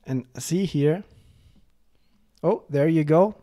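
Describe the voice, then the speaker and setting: Chatty man demoing software. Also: fairly high pitch, takes it slowly. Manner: chatty, lots of fillers, reads chatbot replies aloud. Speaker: software demo presenter. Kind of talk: casual screen-recorded product walkthrough.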